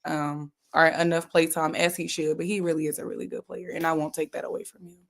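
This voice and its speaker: Giggly woman guest, lowish voice. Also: level tone, fast, vocal fry. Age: 30s. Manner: giggly, candid. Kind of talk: casual interview.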